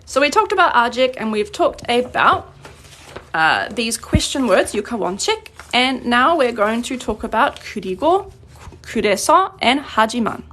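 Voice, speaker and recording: A woman from New Zealand teaching a live-streamed grammar lesson, explaining patiently and clearly, slowing down on her examples. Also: a little high, big pitch swings, a bit bright, a little hiss or hum. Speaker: Korean language teacher.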